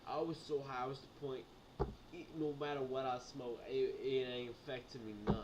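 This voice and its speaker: A man's voice: medium pitch, flat delivery, normal speed, dull audio. A young man vlogging while drunk, rambling casually like a rowdy party animal, with slangy, repetitive, stumbling, sweary talk. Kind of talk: rambling casual storytelling to camera. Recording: noisy amateur recording with clicks.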